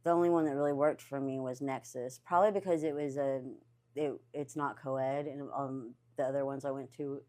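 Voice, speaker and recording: Low-voiced woman, halting speech. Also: steady tone, warm tone. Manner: hesitant, many fillers, bursts of laughter. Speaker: interviewee, barista in recovery. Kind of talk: candid personal interview.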